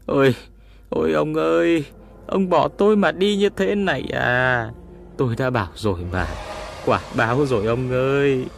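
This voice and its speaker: A man's voice: lowish voice, huge pitch swings, fairly quick, a little hiss or hum. A man voicing a grief-stricken, bitter old woman who wails and scolds in a raised voice. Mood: wailing grief. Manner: wailing, raised voice.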